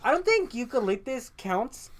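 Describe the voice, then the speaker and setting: A man's voice: very high-pitched, big pitch swings, normal speed, a loud crowd. A man in his thirties co-hosting a podcast, chatting casually, joking, swearing and laughing often. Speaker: podcast co-host. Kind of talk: casual chat.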